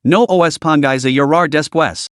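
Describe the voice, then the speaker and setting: A man's voice: a little high, normal speed, fairly bright tone, no room sound, studio quality, lightly acted. A man reading the lines of a cocky three-year-old boy cultivator in a smug, taunting manner.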